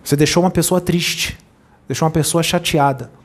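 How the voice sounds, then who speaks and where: A man delivering a channeled spiritual sermon as a medium. His voice sits a little high and has a husky edge. He admonishes his listeners and keeps putting rhetorical questions to them. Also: steady tone, a little fast.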